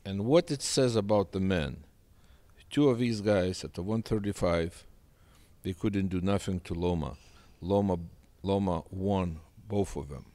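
In a sit-down studio interview on a set with a sofa, a Russian-speaking boxing manager talks into a handheld mic. His deep voice has a dark tone and a measured pace, and he is earnest, emphatic and repetitive with his phrases.

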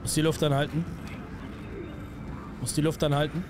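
A young man commentating a horror game live, excitable and slangy, greeting viewers. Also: on the high side, moderate pace, noisy background. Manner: excitable, slangy, yelps at scares. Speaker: gaming streamer. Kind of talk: let's play commentary.

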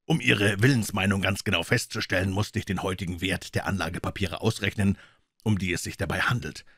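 A male reader voicing a calm, polite detective who stays unruffled and reasons things through. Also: low-pitched, fairly quick, husky, dry recording, clean studio sound, exaggerated voice. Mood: wry.

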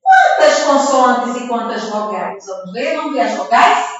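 A Brazilian woman teaches a remote first-grade reading lesson, slowly sounding out words syllable by syllable in a drawn-out sing-song. Her somewhat high voice swings widely in pitch, captured by a distant camera mic in an echoey room with the highs cut off.

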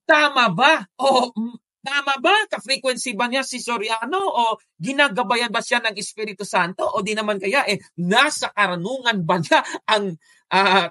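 A woman hosts a live stream over a video call. Her voice is quite bright and a bit high, and the sound is dry and close. She talks in an animated way, full of exclamations and rhetorical questions. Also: dry recording. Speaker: host of a religious apologetics stream. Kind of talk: casual live commentary on a video.

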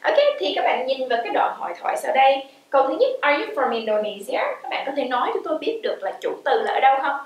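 A woman explains English grammar in a video lesson, lively as she asks the class questions and answers them herself, reading her English examples slowly and clearly. Her voice is high and comes from a distance in a very echoey room.

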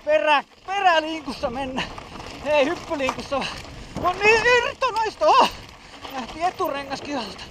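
Filming his ride on an outdoor bike park trail, a mountain biker keeps up a casual running commentary full of breathless exclamations, swearing and self-mockery. His voice is very high with lively intonation, and wind noise hits the camera mic.

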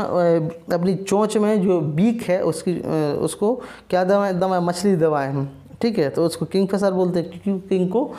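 Guy teaching bird names online, warm mellow voice, keeps quizzing the viewers and answering himself, drops english words in. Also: sits high. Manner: mixes English words into his talk. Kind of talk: explaining bird names in a recorded lesson.

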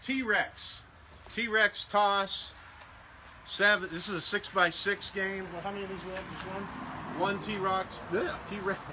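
A man's voice: sits high, steady tone, a little slow, noisy background. A man casually walking through a sales showcase of party games, repeating prices and restarting phrases as he goes. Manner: walking around showing products. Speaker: salesman for a game rental company.

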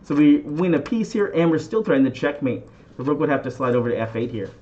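A man with a slightly high voice talks viewers through chess moves like a teacher. He often turns to them with a question or a catchphrase. The recording is a bit dull and muffled. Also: animated, brisk, dark tone. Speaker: chess instructor and channel host. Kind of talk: instructional game commentary.

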